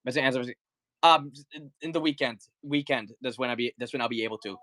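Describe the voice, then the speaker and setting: A man's voice: medium pitch, fast talker, a bit bright, no room sound. A man hosting a casual live toy sale, chatty and sick with the flu, greeting viewers and counting down offers. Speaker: livestream toy seller. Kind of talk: casual live-selling chat.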